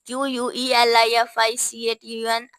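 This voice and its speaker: Slow letter-by-letter spelling teacher woman. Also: on the high side, monotone, fairly bright tone, no room sound. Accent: Pakistani Urdu. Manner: spells words out letter by letter, slowly. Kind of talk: spelling lesson.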